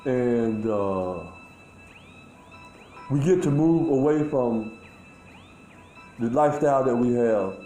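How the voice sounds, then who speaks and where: A man talking in a rambling, halting way, full of fillers and restarts, in a casual monologue recorded outdoors. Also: mid-range voice, animated, mellow, roomy sound, faint music behind, rough recording.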